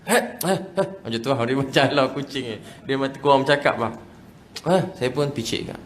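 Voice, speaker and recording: A man with a Malaysian Malay accent, preaching a sermon as an animated personal story, often chuckling and dropping to a hush. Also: medium pitch, fast talker. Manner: animated storytelling, often chuckling, shifts between lively and hushed. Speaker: religious preacher.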